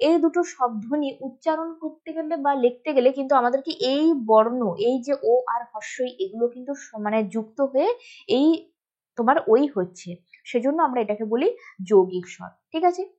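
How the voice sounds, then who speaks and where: A high-voiced woman teacher with a Bengali accent explains exam answers one by one. She keeps checking that her students follow along. The recording is dull and lo-fi. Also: lively intonation, brisk, a little mellow. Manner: explains step by step, often checking with "ঠিক আছে?" and "বোঝা গেল?". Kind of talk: exam answer walkthrough lesson.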